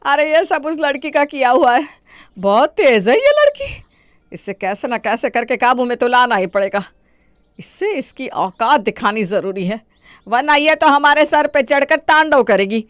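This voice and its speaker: A woman voicing a scheming older mother-in-law in an animated story, with theatrical wailing and complaining. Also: sits high, moderate pace, no echo, studio quality.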